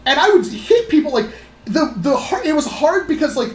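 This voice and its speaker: A woman telling stories on a casual livestream in an animated, rambling way, acting out other people's voices. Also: high voice, moderate pace. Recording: roomy echo.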